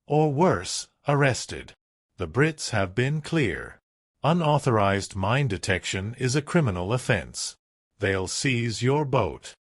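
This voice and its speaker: A man's voice: medium pitch, sing-song, slow pace, no echo. Guy doing a worried fisherman buddy, pleading, dry recording. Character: anxious, cautious fisherman deckhand.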